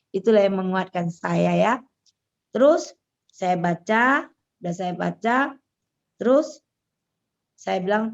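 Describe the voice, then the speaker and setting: A woman's voice: mid-range voice, creaky, highs cut off. Earnest woman sharing a prayerful testimony. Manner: earnest, prayerful, casual storytelling. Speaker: person giving a testimony.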